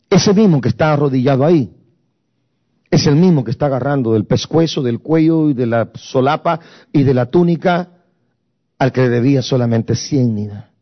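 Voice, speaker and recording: A man's voice: sits high, muffled recording. A man preaching a sermon, emphatic and repetitive, slipping into English phrases.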